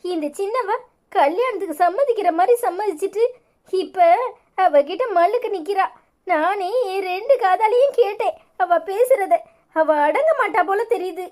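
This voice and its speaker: A woman voicing a kindly, emotional elderly grandmother in a cartoon, speaking with a Tirunelveli Tamil accent in a soft, fond way. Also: extremely high pitch, animated, moderate pace. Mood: worried. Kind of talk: cartoon voice acting.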